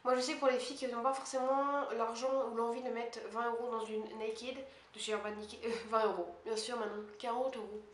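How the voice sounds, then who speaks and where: A woman beauty vlogger talking quickly and casually at home, chatty and poking fun at herself. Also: on the high side, little pitch movement. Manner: fast, chatty and self-mocking. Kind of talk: casual monthly favorites haul chat. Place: her apartment. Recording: echoey room with faint hiss.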